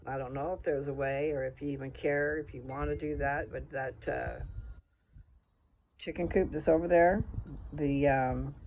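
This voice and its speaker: Man, gravelly creaky voice, folksy casual monologue, thinking out loud, faint ambient noise. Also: on the high side, fairly even intonation, normal speed. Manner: folksy, informal, thinking aloud with trailing asides. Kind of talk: casual rambling monologue addressed to someone.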